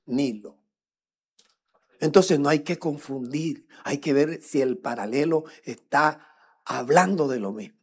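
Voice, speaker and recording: A middle-aged man with a Colombian accent, preaching a teaching sermon, swinging between loud emphatic lines and quiet muttered asides and joking with the congregation. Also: a little high, takes it slowly, breathy edge. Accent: Colombian Spanish. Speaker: pastor.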